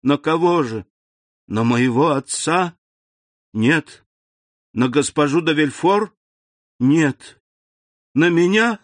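A man's voice: on the high side, lively intonation, takes it slowly, pauses often, no room sound, pitched above the performer's own voice. A man reading an audiobook, voicing an anxious young woman who pleads with her grandfather. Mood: pleading.

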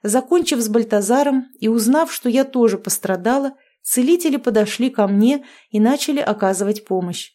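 A woman's voice: on the high side, expressive, moderate pace, hardly any pauses, dark tone. A woman reading a first-person fantasy novel aloud as an audiobook narrator, telling it expressively.

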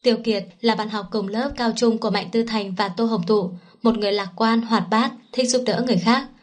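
A woman narrating a romance novel in a steady, even audiobook reading. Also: fairly high pitch, a little fast.

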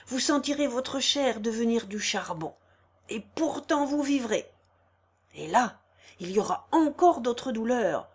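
A woman's voice: medium pitch, husky. A woman reading as an old priest preaching hellfire. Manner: declaiming, sermon-like. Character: old male village priest, preaching fiercely. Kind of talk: audiobook reading of a quoted hymn.

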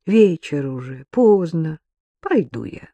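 A loud, insistent elderly village aunt, put on by a male audiobook reader, pitched up above his usual voice and fussing over everyone. She scolds the men and orders the household about with a warm, motherly bossiness. The recording is dry and close. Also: very animated, slow pace, dry recording, heavily acted. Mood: bossy, fussing. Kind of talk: audiobook reading.

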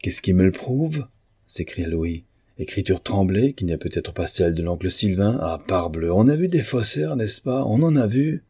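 A man's voice: deep voice, lively intonation, moderate pace, mellow, breathy edge, dry recording, clean studio sound, heavily acted. A man voicing a bitter, mocking male painter in an audiobook of a novel. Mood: scornful. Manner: sneering, sarcastic.

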